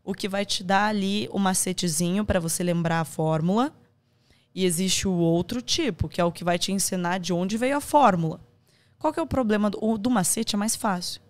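A woman's voice: medium pitch, moderate pace. A woman with a Brazilian accent, speaking as a podcast guest about her courses and acting out the advice she quotes. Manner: animated, acts out quoted advice. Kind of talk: conversational interview.

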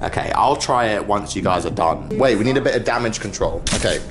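A man's voice: fairly low pitch, animated, fairly quick, over music. A British man hosting a home challenge with casual, playful, teasing commentary from behind the camera. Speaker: camera operator and challenge host. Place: indoors, home kitchen and dining room.

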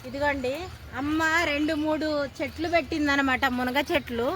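Chatty high-voiced woman vlogger. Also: steady tone, normal speed. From India. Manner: chatty, addresses viewers directly. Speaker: cooking channel host. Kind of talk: casual travel vlog. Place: outdoors and in a car. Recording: noisy outdoor phone recording.

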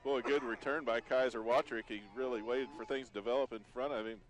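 Fast-talking folksy football color commentator. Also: male voice, mid-range voice, fairly even intonation, poor audio.

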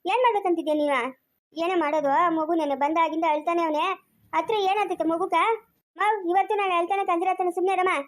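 A woman's voice: extremely high pitch, steady tone, fast talker. A woman playing a fussing Chikkaballapur village woman. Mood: fretful. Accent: rural Chikkaballapur Kannada. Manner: scolding, exclaiming, repeating questions. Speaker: actor in a village family drama. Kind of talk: homemade village family drama.

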